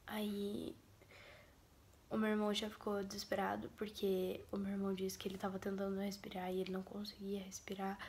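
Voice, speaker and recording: A woman with a Brazilian Portuguese accent tells a personal story to camera as a vlogger. She speaks in a soft, breathy, half-whispered voice, sombre and grieving. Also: mid-range voice, a little hiss or hum.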